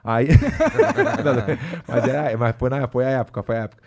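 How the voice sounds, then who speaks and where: A man, a podcast guest, telling a story casually in an animated, slangy way with lots of asides. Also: mid-range voice, normal speed, creaky, slightly rough.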